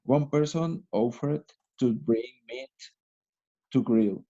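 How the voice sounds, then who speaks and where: Male student, slow hesitant reader, mellow tone, lo-fi video call sound. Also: medium pitch. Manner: hesitant reading aloud, asks about words.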